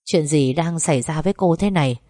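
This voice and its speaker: Low, mellow woman narrating a story. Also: fairly quick, dry recording, studio quality. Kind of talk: audiobook narration.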